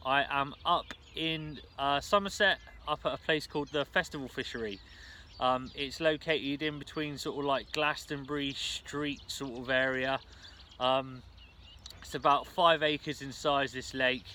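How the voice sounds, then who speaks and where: A man's voice: medium pitch, steady tone, unhurried, bright, forceful tone. A man talking casually to camera in a laid-back, slangy way, as a fishing vlogger. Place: outdoors at a fishing lake. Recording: outdoor ambience and background noise.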